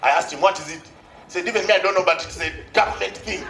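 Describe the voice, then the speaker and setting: A man's voice: high voice, fast, vocal fry. A man with a Ugandan accent telling a stand-up comedy story on stage, animatedly acting out dialogue with exclamations. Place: live comedy show on stage before an audience. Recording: echoey live stage recording, crowd noise.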